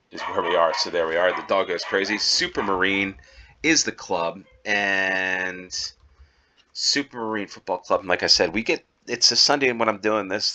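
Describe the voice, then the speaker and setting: A man from the United States rambles through casual gameplay commentary at home, thinking out loud and filling pauses with ums and uhs. His voice sits low, yet its tone is bright and forceful. He talks like a channel host chatting to his viewers. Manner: rambling, thinking aloud with many fillers.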